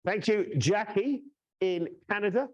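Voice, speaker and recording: Unhurried and a little mellow, this man's high voice comes through with the highs cut off. In his fifties and from the UK, he hosts a training webinar over video call as a course trainer, keeping the presentation casual, chatty and teasing with frequent check-ins of "yeah?".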